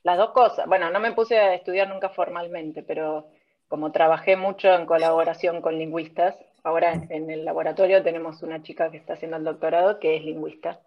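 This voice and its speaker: A low, steady female voice with a Rioplatense accent comes through a dull lo-fi recording, moving a little fast. The woman, a speech technology researcher being interviewed, lays out her field patiently and step by step, illustrating with examples.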